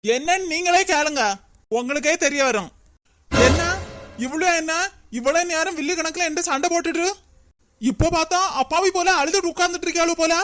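A woman's voice: very high-pitched, fairly quick, fairly bright tone, faint music behind. A woman voicing a defiant young daughter-in-law in a cartoon, arguing back in a Kanyakumari Tamil accent. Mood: indignant. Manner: indignant, retorting.

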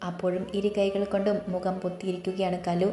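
A woman narrating a romantic audiobook in a steady storytelling manner. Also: medium pitch, quick pace. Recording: roomy, faint background music.

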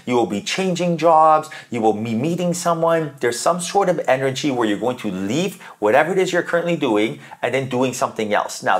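Earnest man giving a tarot reading. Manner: earnest, coaching tone with frequent "right?" tag questions; acts out quoted inner voices with jumps in pitch. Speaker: tarot reader. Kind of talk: spiritual tarot reading monologue.

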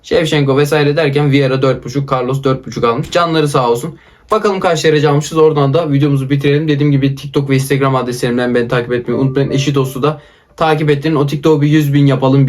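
A young man giving chatty, excitable commentary over his own football video game match as a gaming YouTuber. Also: mid-range voice, fast talker.

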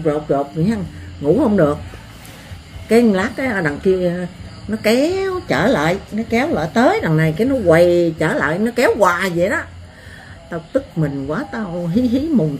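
An older woman with a Southern Vietnamese accent, telling stories in a blunt, earthy, animated way as an interviewee. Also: fairly low pitch, slight background noise. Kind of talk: rural storytelling.

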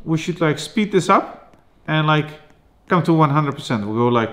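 A man, chatting casually and playfully as he plays a game, excitable and teasing. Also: on the high side, normal speed. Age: 40s. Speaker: host, father playing a game with his child. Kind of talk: casual gameplay chat.

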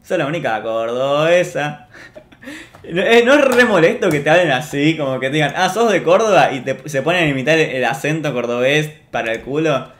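A man's voice: on the high side, expressive, a little fast, a bit bright. A man with an Argentine accent, a streamer chatting casually and ranting jokingly to his chat. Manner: joking, mock-boastful rants to chat. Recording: roomy echo.

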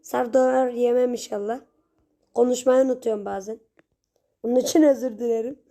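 A young woman giving casual gameplay commentary, chatty with her viewers and prone to sudden shrieks and yells at the game. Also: on the high side, fairly even intonation, brisk. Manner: chatty, talks straight to viewers. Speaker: gaming channel host.

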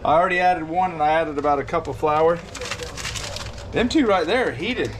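A man's voice: fairly high pitch, moderate pace, noisy background. A man in his twenties hosting a casual cooking vlog at a fishing camp, chatty and teasing. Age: 20s. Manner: chatty, teasing, laughing often. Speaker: vlog host.

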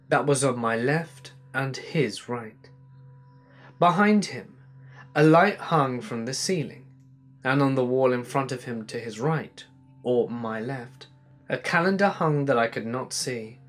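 Man, mid-pitched voice, steady measured read, ghost story narration, soft background music. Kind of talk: reading a submitted ghost story.

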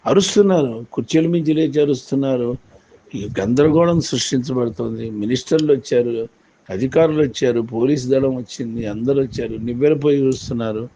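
A man retelling an event in storytelling commentary, animated and full of repetition. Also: medium pitch, brisk. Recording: dull lo-fi with faint noise.

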